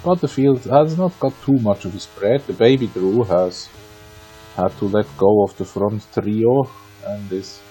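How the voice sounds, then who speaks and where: A man from Austria, a native German speaker with an Austrian accent, commentates on a sim racing league in a conversational, wry manner, tossing in playful asides. His voice is fairly low and dark, his pace unhurried, and the low-quality recording has faint music behind him.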